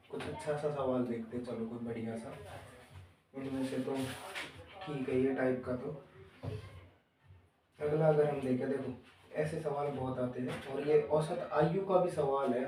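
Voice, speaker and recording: This maths teacher has a mellow, medium-pitched voice as he takes the children through the lesson step by step. He repeats each step and asks them questions, captured from far off in a room full of echo.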